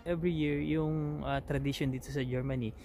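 A man's voice: a little high, level tone, a little fast. A man with a Filipino accent chatting casually as a vlogger, outdoors at a Christmas tree farm in the rain, laughing easily. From Philippines. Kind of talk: casual vlog chat. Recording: music playing loud over the voice.

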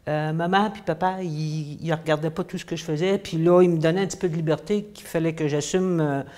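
A woman's voice: deep voice, steady tone, fairly quick, dark tone. Hesitant Quebec French woman teacher. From grew up in the United States, then Quebec. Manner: hesitant, many fillers and restarts. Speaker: English teacher. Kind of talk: casual interview answers. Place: indoors, small room against a plain wall.

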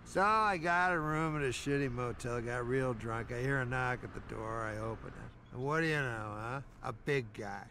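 A man voicing a crude, sleazy male pigeon in a cartoon series, telling his story in a flat, deadpan, vulgar way. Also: medium pitch, moderate pace, few pauses, slight background noise. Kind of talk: animated TV series voice acting.

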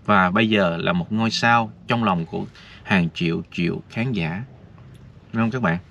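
Man, low voice, rambling vlog chat, dull lo-fi sound with faint noise. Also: moderate pace, creaky, fairly bright tone. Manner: chatty, addresses viewers directly, rambling. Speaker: vlogger. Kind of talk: casual talk to viewers.

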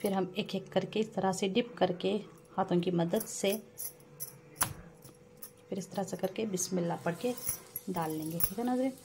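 A cooking vlogger with a medium-pitched, gravelly voice calmly talks through a recipe step by step at her home stove, unhurried and homely, often speaking directly to viewers as "nazreen." Filmed on a phone over the stove showing just her hands, the audio has loud oil sizzle from the pan plus a little hiss or hum.

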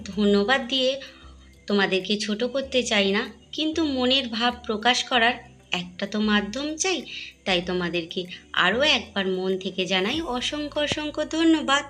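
A middle-aged woman talks through her home vlog in a chatty, friendly way, speaking to her viewers as if they were friends. Her voice sits at an ordinary pitch for a woman. Soft music plays quietly underneath. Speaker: home vlogger. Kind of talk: home cooking and garden vlog narration.

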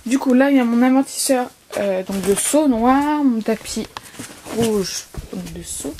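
Chatty hoarse teen girl vlogging. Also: on the high side, unhurried, mellow, a little hiss or hum. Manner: rambling, many fillers and restarts. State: slightly hoarse. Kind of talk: casual vlog chat.

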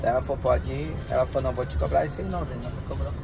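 A man's voice: mid-range voice, steady tone, racing, vocal fry, music in the background. A man with a Gaúcho Brazilian accent, a truck driver chatting casually to his viewers from the cab. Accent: Gaúcho Brazilian Portuguese. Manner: chatty, folksy, addresses viewers as gurizada. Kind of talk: casual vlog chat to viewers. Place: inside a truck cab on the road. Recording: loud road and engine noise.

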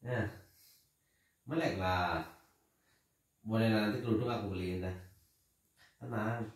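A man's voice: on the low side, steady tone, slow. A man, a father, in casual, playful, teasing family chat at home. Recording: echoey room, mic far off.

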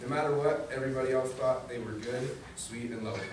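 In a medium indoor meeting room at a library, a distant camera pointed at a podium records a young man reading a children's book to an audience. He's the student government vice president, a young adult, appearing as a guest reader. He reads fast at a medium pitch with fairly even intonation, and the audio is noisy and echoey from afar.

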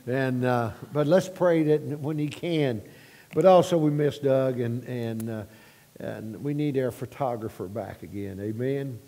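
A man leading a church prayer at a pulpit microphone, halting with repeated words and swelling louder as he prays. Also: mid-range voice. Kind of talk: spoken church prayer and announcements. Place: church sanctuary. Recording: long reverb of a church sanctuary.

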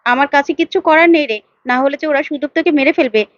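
A woman's voice: sits high, quick pace, no echo, highs cut off, lightly acted. A woman voicing a frightened young woman who defends herself angrily and tearfully. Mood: desperate. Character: angry frightened young woman hiding a secret.

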